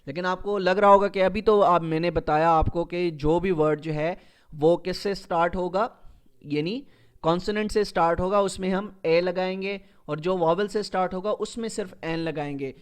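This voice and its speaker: A man giving a recorded lecture to exam candidates. He explains grammar rules slowly, repeats them, and answers his own questions. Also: high voice, steady tone, clean tone. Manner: reads English example sentences slowly and carefully. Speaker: English teacher for exam candidates.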